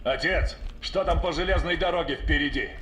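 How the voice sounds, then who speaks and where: An actor playing a stern middle-aged military colonel in a dramatic video game, authoritative and used to giving orders. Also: male voice, on the high side, moderate pace, fairly bright tone, natural voice. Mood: grave, commanding. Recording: echoey, noisy train car game scene.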